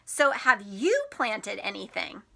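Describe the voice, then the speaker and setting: This teacher's voice is medium in pitch, very animated, and gravelly, coming out pushed and bright as she takes things slowly. She reads a picture book to young children, explaining simply, emphasizing key words, and asking them questions.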